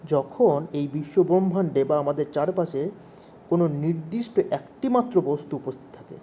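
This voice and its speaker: A man's voice: a little high, normal speed, mellow, a little hiss or hum. A man teaching English grammar to young pupils, asking questions and repeating the main points. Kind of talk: explaining grammar to children.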